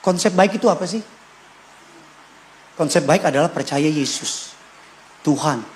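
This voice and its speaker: A male pastor, preaching an animated sermon that swings between loud bursts and quiet asides. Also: unhurried, slight background noise. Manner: animated, shifts pitch and loudness, acts out quotes with shouts. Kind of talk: lively sermon. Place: church.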